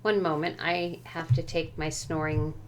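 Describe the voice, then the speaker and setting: A woman's voice: sits low, little pitch movement, measured pace, background noise. A woman walking through a tarot deck and its book at home, speaking carefully and tentatively, often unsure how a word translates. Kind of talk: unhurried show-and-tell walkthrough.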